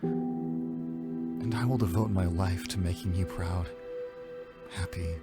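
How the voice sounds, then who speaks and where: A man playing a lovelorn, remorseful young antihero in a comic dub, reading a letter in an earnest, measured, pleading voice. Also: low-pitched, fairly even intonation, over loud music. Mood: tender, pleading. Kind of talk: motion comic voice acting, letter voice-over.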